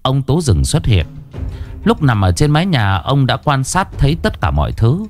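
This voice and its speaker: Lively man narrating a story over music. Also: mid-range voice, normal speed. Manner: vivid, dramatic storytelling.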